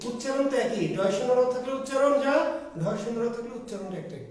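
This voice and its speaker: High-voiced male teacher in echoey room. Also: fast talker, a little mellow, distant mic. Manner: asks questions and answers them himself. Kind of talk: classroom grammar lecture.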